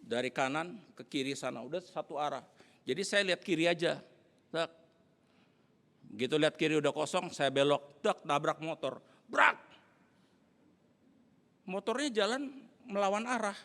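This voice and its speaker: A middle-aged man preaching a sermon as pastor, telling stories with lively, animated delivery. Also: fairly high pitch, normal speed. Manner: animated storytelling, acting out angry shouts. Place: church hall. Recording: echoey church hall.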